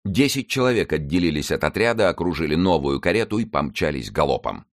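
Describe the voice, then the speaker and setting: A man's voice: very deep voice, expressive, quick pace, no echo, studio quality. A man narrating an adventure novel as an audiobook, reading dramatically.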